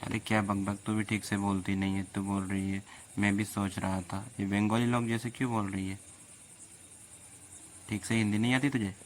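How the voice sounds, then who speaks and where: A man talks casually and teases, taking a possessive tone. His voice sits low and barely moves in pitch. A faint noise runs behind him. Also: little pitch movement, moderate pace. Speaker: host chatting with an AI girlfriend. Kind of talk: casual teasing chat.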